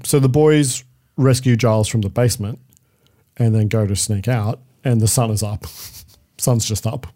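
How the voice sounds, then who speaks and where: A man's voice: lowish voice, normal speed, mellow. A man co-hosting a podcast, recapping a film in casual chat with dry jokes and frequent chuckles. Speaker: podcast co-host. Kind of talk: casual movie-review chat.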